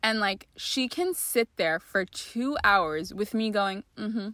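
A woman's voice: mid-range voice, expressive, takes it slowly, fairly bright tone, no room sound. A young woman in her twenties co-hosting a podcast in casual chat, laughing often and saying "like" a lot. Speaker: podcast co-host.

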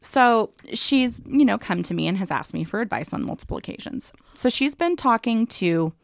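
A woman's voice: on the high side, lively intonation, moderate pace, gravelly, no echo, clean studio sound. A woman co-hosting a podcast in casual chat, talkative, with many fillers. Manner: chatty, filler-heavy, laughs easily. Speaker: podcast co-host.

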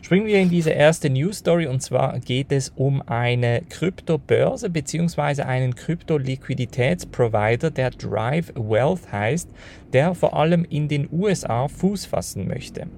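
A man runs through the day's news in a brisk, matter-of-fact way. The audio is low quality because it was recorded away from his usual setup. Faint noise and a low rumble sit behind his middle-pitched voice. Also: animated, creaky, darkish tone. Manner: brisk, matter-of-fact, talks straight to listeners. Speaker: podcast host. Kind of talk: news rundown podcast.

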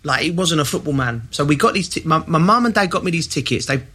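An English man, a former footballer, telling a story in casual chat with quick asides. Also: fairly high pitch, lively intonation, pushed and bright, slightly rough. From England.

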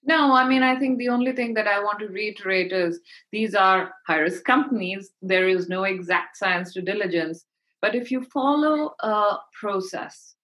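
A woman with a mid-pitched voice speaks as an expert guest in a podcast interview. She explains her advice conversationally and puts emphasis on the main points. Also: fairly bright tone, low-quality recording.

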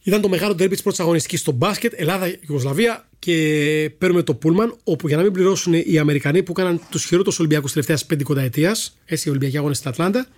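A middle-aged man, a sports broadcaster, telling lively anecdotes in a podcast chat and acting out the people in them. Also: on the high side, few pauses. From Greece. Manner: animated storyteller who acts out voices in quotes.

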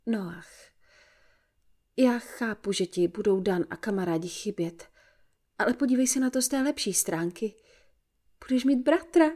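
A woman's voice: on the high side, animated, a little mellow. A woman reading an audiobook, voicing a cheerful, persuasive mother who talks her teenage daughter around. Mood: upbeat. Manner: coaxing and upbeat.

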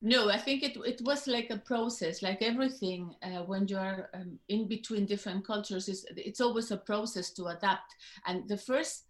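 A woman in her fifties with a Spanish accent speaks reflectively, pausing and restarting her sentences as she searches for words. Her voice sits in a middling range and carries a noticeable room echo. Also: mid-range voice. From Spain. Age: 50s. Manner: reflective, halting with many fillers and restarts. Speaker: guest. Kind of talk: interview conversation.

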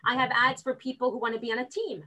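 A rough recording captures a woman with a fairly high pitch speaking at a quick pace. Guesting in a casual interview, the real estate recruiter is energetic and animated, voicing the quotes as she tells each story.

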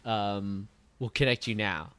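A young man co-hosting a podcast, telling a story in a casual, animated way, swearing freely and laughing at his own jokes. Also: lowish voice, slow, smooth, dry recording. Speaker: podcast co-host. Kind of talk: casual chat.

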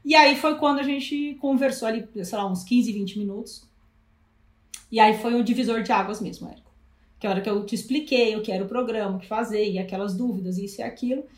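A Brazilian woman speaking as a guest, telling a story in a lively way and acting out past conversations. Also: a little high, fast. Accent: Brazilian Portuguese. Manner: animated, acts out past dialogues. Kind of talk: casual storytelling interview. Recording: roomy echo.

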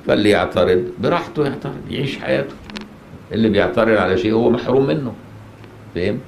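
A man teaches a religious lesson in plain colloquial Egyptian Arabic, stopping now and then to ask listeners questions and check they're following. His lowish voice has vocal fry and a darkish tone, and the recording carries mosque echo over faint noise.

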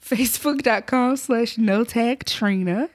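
A woman's voice: a little high, unhurried. A woman, co-hosting a casual podcast in a playful, self-conscious way. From Alabama. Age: 30s. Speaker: podcast co-host.

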